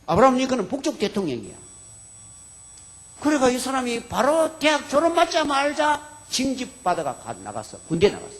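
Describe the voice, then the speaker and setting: A male pastor with a Gyeongsang accent, preaching a sermon as animated storytelling. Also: extremely high pitch, brisk.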